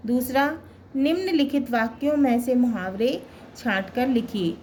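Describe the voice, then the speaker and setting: A woman teacher reading a textbook exercise at a very slow, careful pace, in a fairly high voice. She reads the questions and answers aloud and pauses after each listed word. Faint noise hums behind her. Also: darkish tone. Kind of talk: slow, deliberate textbook lesson.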